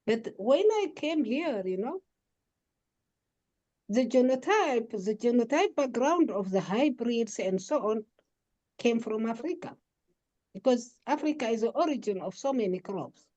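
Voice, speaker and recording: A woman's voice: fairly high pitch, lively intonation, a little slow, pauses often, mellow, highs cut off. A woman researcher answering questions in an online webinar over a video call, hesitant and explanatory. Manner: hesitant, many fillers, explanatory. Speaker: researcher and plant breeder.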